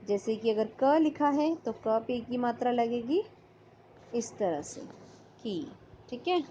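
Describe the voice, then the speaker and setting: Slow, patient woman teacher. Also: on the high side, warm tone, slight background noise. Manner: slow, patient, sounding out letters. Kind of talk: online class lesson. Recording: slightly dull lo-fi audio.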